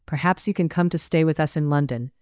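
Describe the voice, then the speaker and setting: A narrator voicing a young heroine, gentle and breathy. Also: mid-range voice, a little fast, no room sound, studio quality, lightly acted. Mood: tender. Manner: gentle, breathy in love scenes. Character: witty young woman, Elizabeth, warm, breathless.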